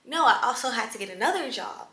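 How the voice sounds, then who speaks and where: A young woman in her late teens telling her story in a casual, chatty vlog, animated and prone to whispered asides. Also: a little high, fast, very noisy. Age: young adult. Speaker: vlogger. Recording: echoey room with faint ambience.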